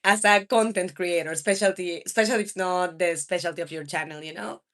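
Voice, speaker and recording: With a lowish, slightly bright voice and a somewhat quick pace, a video game streamer in her thirties talks casually with her audience. She's from Mexico, speaks Spanish natively, and has a Mexican accent.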